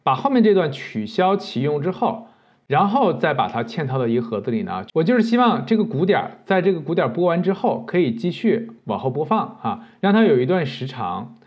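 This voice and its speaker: A man's voice: on the high side, big pitch swings, a little fast, dull audio. A man teaching video editing step by step, patient and explanatory, with many fillers. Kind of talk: screen-recorded software tutorial.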